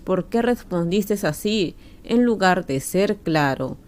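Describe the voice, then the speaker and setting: A woman voicing Kamol, a mafia boss man who speaks in a deep, steadying voice. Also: animated, takes it slowly. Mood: calm.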